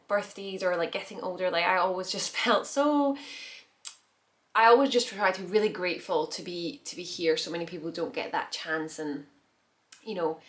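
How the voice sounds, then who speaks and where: A woman's voice: lowish voice, a bit bright. A woman in her thirties chatting casually about her week while doing her makeup, rambling with restarts and little laughs. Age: 30s. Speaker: beauty vlogger. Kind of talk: casual get-ready-with-me chat.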